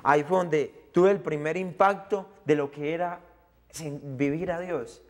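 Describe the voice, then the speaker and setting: Young colombian guy giving his testimony, earnest, voice a bit high, does the voices of the people in his story. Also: fairly even intonation, a little slow. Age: young adult. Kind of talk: emotional personal testimony.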